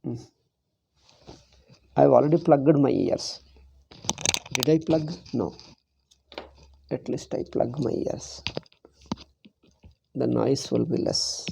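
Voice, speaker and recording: A man's voice: medium pitch, animated, slow pace, vocal fry, pauses often, noisy background. A man with a South Indian accent giving an informal spiritual lecture as a Vedanta teacher, emphatic and given to rhetorical questions and repetition.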